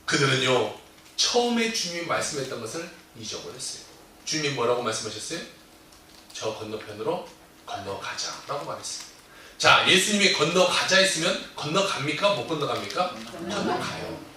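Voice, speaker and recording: Male pastor, animated sermon storytelling, somewhat high voice, roomy hall sound. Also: a little hiss or hum. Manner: animated storytelling, acting out disciples' cries. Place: church sanctuary. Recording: echoey church hall, distant mic.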